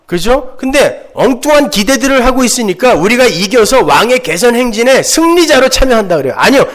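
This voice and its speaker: Male pastor, sermon delivery, emphatic, rhetorical questions, high voice with wide swings. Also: expressive, brisk, fairly bright tone.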